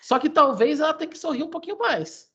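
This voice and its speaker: A woman, a guest expert explaining how the voice carries emotion in a halting way, with many restarts. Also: sits high, sing-song, sharp tone. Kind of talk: explanatory conversation.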